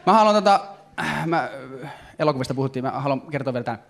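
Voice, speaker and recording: A man performing a stand-up comedy routine on stage, talking in animated, excitable bursts. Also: mid-range voice. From Finland. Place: comedy stage before a live audience.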